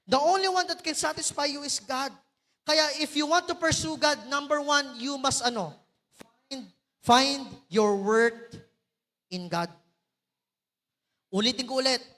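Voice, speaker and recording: Filipino male pastor, high bright voice, lively preaching to a congregation, long church reverb. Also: moderate pace. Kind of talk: Taglish sermon. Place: large church hall.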